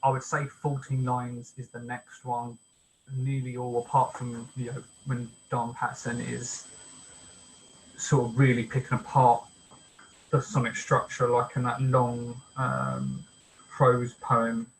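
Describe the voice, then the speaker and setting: A man leading a poetry workshop, explaining step by step in a casual lecture style, with many pauses and ums. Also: medium pitch, little pitch movement, slight background noise, poor audio. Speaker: workshop leader. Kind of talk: informal online workshop lecture.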